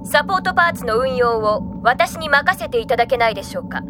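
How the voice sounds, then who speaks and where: A woman playing a dutiful female combat android in a Japanese sci-fi game, speaking formally in measured, emotionless phrases. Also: sits high, animated, background noise. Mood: formal, resolute.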